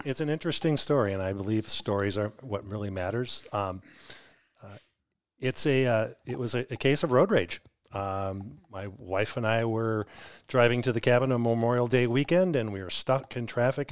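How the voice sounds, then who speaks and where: Storytelling male brewery founder. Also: mid-range voice. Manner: storytelling, explanatory. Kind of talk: casual podcast interview.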